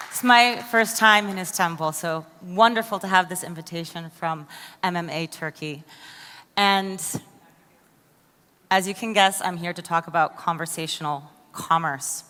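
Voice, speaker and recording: An American conference speaker delivers a keynote in a large hall, enthusiastically posing questions straight to the audience. Her voice is on the low side, pushed and bright, and the recording carries a long hall reverb.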